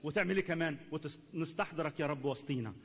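Fervent Egyptian pastor in a reverberant hall. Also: male voice, a little high, rapid-fire, breathy edge. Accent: Egyptian Arabic. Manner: fervent, repetitive prayer calls, swings from hushed pleading to loud. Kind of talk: sermon and led prayer.

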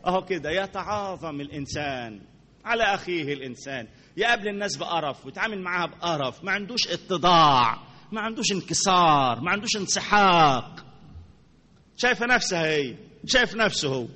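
A man with an Egyptian accent preaching a sermon to a congregation, animated, repeating words for emphasis and asking his listeners questions. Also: high-pitched, brisk, big-room sound. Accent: Egyptian Arabic.

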